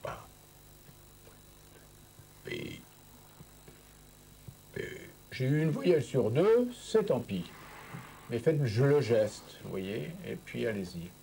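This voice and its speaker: Patient male speech therapist, lively pitch. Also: a little slow, vocal fry, faint music behind. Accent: French. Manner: patient, encouraging, repeats "vous voyez" often. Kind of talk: coaching a patient through voice exercises.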